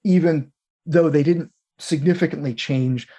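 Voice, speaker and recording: A man's voice: a little high, a little slow, mellow, breathy edge. A man in the role of host, talking through technical material in an informal, explanatory way and thinking aloud as he goes.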